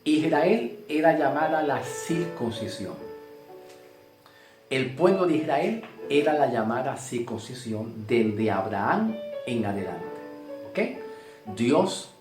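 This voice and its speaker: A man's voice: medium pitch, lively intonation, slow. A man from Puerto Rico with a Puerto Rican accent, preaching a sermon, emphatic and repetitive, often checking in with "ok?". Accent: Puerto Rican Spanish. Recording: roomy sound with faint guitar music.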